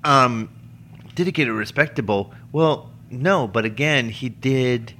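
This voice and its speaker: A man's voice: mid-range voice, measured pace, sharp tone. A man co-hosting a podcast, chatting casually about a TV series, laughing often and restarting sentences. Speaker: podcast co-host. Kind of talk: casual chat reviewing a TV series.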